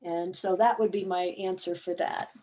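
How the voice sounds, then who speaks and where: A woman therapist hosting a webinar, explaining her methods slowly and casually. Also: on the low side, steady tone, mellow, dull audio, slight background noise.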